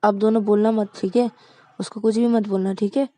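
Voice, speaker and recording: Lady doing a hotheaded young guy, loud and shouty, dry mellow storybook voice. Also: mid-range voice, little pitch movement, fairly quick, no room sound, lightly acted. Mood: pleading. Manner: loud and exclamatory. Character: hot-tempered young man, scheming and quarrelsome.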